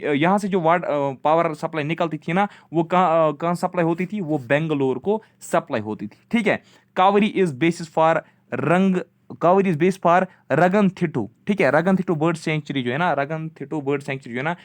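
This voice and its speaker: A young man teaching an exam-prep geography lesson, mixing Hindi and English, asking himself questions and answering, often repeating "ठीक है". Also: a little high. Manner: mixes Hindi with English terms.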